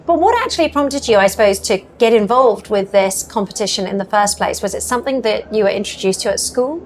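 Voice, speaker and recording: A woman's voice: mid-range voice, a little fast. A woman hosts a podcast interview with an eager, chatty delivery. Her voice sits in a middle register. She records in an event booth, with a faint hum of ambience behind her. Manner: enthusiastic, chatty questions. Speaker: podcast host.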